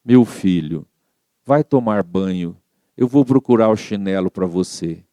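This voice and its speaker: A man voicing a gentle, patient mother calming her grown son. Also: sits low, measured pace, clear, resonant tone, no echo, clean studio sound, pitched below the performer's own voice. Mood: calm soothing. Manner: soft, calm and soothing.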